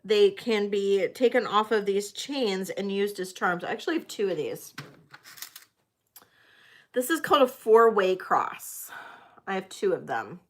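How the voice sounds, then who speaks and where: Slow-paced woman auctioneer, casual and chatty. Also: mid-range voice, lively intonation. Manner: chatty, addresses bidders by name. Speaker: live auction seller. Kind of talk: casual live-sale auctioneer patter.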